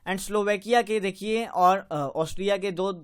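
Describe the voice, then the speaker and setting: A man teaching a geography map lesson, repeating country names slowly and correcting his own slips as he goes. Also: sits high, clean tone. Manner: repetitive drilling, slows on tricky country names; self-correcting, apologizes for slips. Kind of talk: exam-prep map lecture.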